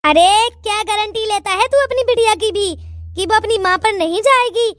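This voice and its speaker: A woman voicing a sharp-tongued, suspicious old grandmother in a cartoon, talking in a scolding, taunting way. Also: very high-pitched, moderate pace, no echo, clean studio sound.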